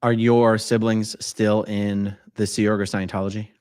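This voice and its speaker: Low-voiced man hosting an interview. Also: level tone, moderate pace, a little mellow, clear, resonant tone, dry recording, studio quality. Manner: conversational, probing questions. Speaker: interview host. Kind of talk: live-streamed interview.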